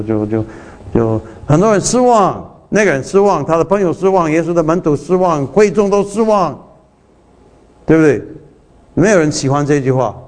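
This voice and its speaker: A man's voice: medium pitch, darkish tone. A man preaching a sermon in a conversational way, full of restarts and rhetorical questions, slipping English phrases into his talk.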